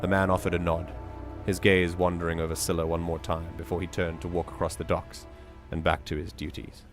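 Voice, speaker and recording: A man hosting a reading stream, reading a community story aloud in a measured way with joking asides. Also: low-pitched, flat delivery, music in the background.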